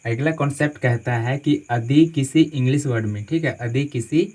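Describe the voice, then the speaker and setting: A man's voice: mid-range voice, normal speed, darkish tone, low-quality recording. A man teaching English spelling rules in a classroom-style lesson, spelling words out letter by letter and repeating each phrase with a "theek hai" check after most points.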